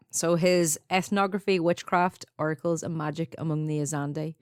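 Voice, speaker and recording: Low-voiced Donegal Irish woman, dry sound. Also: flat delivery, a little slow, dry recording. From Donegal, Ireland. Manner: chatty, laughs often, frequent "like" fillers. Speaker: podcast co-host. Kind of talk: casual chat.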